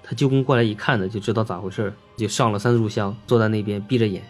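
Male storyteller, quick chatty delivery, filler-laden casual ghost tale. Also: fairly low pitch, faint music behind. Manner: chatty, filler-heavy, lively.

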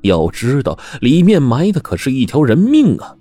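A man telling a dramatic story in an expressive way, acting out the dialogue. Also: medium pitch, normal speed, faint music behind.

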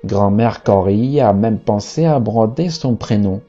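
Guy reading a bedtime story real slow, mellow voice, kinda dull lo-fi audio with soft music. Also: fairly low pitch.

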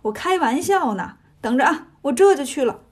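A woman's voice: high-pitched, lively intonation, moderate pace, a little mellow. Sun Wukong, put on by a woman: a cocky, teasing monkey king. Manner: teasing, swaggering.

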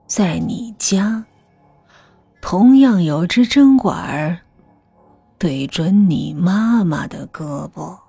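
A woman voicing a smiling, cruel older man who owns a mansion, speaking slowly, softly and with unhurried gloating. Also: on the low side, gravelly, slightly rough, dry recording, heavily acted. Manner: slow, soft, gloating and unhurried.

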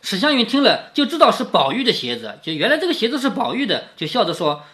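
A man reading an old classic to his daughter, pausing after each passage to put it in everyday words. His voice rises and falls a great deal as he talks, and he keeps checking in with little questions, the tone of an informal family lesson. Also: high-pitched, big pitch swings, sharp tone. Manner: paraphrases each quoted passage in plain words. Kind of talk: casual retelling and explaining of a classic novel.

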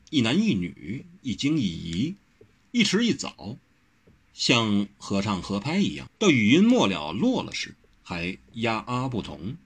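A man narrating a martial-arts novel as an audiobook, with expressive storytelling. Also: lowish voice, husky.

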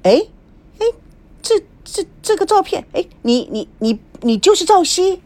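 A woman voicing a loud, excited male newsstand vendor. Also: a little high, normal speed. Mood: astonished. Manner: loud, pushy hawking.

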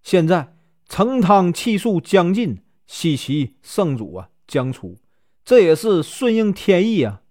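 A man's voice: sits high, big pitch swings, slow, a little mellow, voice pushed up, heavily acted. A man playing Jiang Ziya, an honest, earnest old strategist. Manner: earnest, reasoning.

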